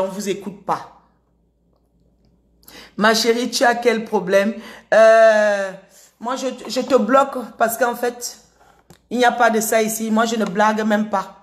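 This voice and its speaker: A woman talks straight to her live-stream audience in a combative, taunting way. Between jabs at her critics she greets commenters by name. Her mid-pitched voice echoes around the room she records in. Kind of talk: live-stream political rant.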